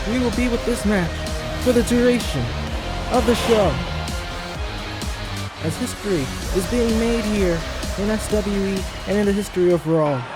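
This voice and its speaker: Male play-by-play wrestling commentator, high and excitable, calling action over loud background music. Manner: excitable, rises to shouts on big moves.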